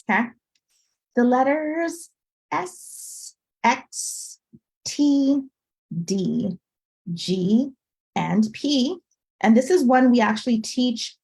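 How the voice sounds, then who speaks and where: A woman with a slightly high voice leads an online class, upbeat and teacherly. She keeps checking in with her listeners as she goes. Her voice comes through a video call. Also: creaky, a little mellow, rough recording. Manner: upbeat teacherly, frequent "okay?" check-ins. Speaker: French tutor. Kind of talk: live online class for parents.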